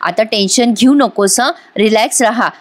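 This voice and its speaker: A caring young man from a retold serial, coaxing someone to calm down, as a woman reads him. It stays close to her own light voice. The tone is soft and reassuring. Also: fairly high pitch, normal speed, lightly acted. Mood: soothing.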